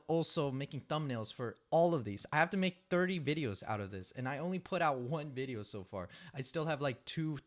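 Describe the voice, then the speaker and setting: A man chatting casually in a vlog, rambling, losing count and correcting himself as he talks through each step of editing sound. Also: medium pitch. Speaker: creator recording his own sound-design challenge. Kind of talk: casual vlog talk over screen work.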